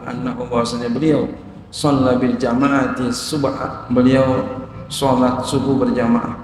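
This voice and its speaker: A male religious teacher giving a study lecture, reading Arabic phrases and then explaining them in a lively, casual way with jokey asides. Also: medium pitch. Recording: very echoey hall, faint noise.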